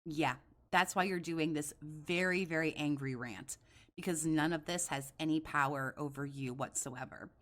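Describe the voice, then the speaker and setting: A woman's voice: deep voice, fairly even intonation, moderate pace. A woman giving reaction commentary in a blunt, scolding, sarcastic and sweary way.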